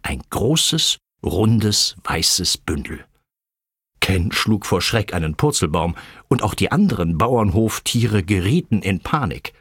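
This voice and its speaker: A man reading a children's farm story aloud, his low voice rising and falling expressively. He takes his time, and a slight huskiness colors the words. The sound is close and dry. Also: takes it slowly, slightly rough, dry recording. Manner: expressive storytelling with lively pitch. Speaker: narrator. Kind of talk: children's audiobook narration.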